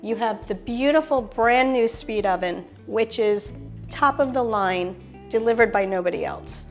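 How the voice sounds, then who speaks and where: Her voice a little high and her pace unhurried, a middle-aged woman leads an indoor tour of a show apartment kitchen with faint music behind her. It's a polished, enthusiastic real estate pitch, rattling off feature after feature.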